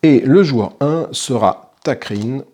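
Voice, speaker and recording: Gravelly-voiced man explaining a board game. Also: mid-range voice, expressive, normal speed, a little mellow. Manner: casual and chatty, thinking aloud with small self-corrections. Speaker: board game channel host. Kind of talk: explaining a solo tabletop game playthrough.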